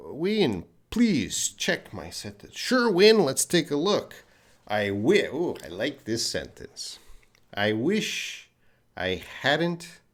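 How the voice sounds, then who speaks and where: A middle-aged man with a light Canadian accent teaches English on a live stream, patiently answering viewers' questions and repeating words for learners. His voice is mid-range.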